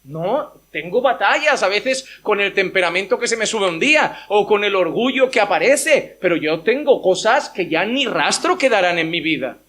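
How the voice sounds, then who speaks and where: A man's voice: high voice, animated, moderate pace, few pauses, pushed and bright. A male pastor preaching a sermon in a church, emphatic, with rhetorical questions and voices acted out as quotes.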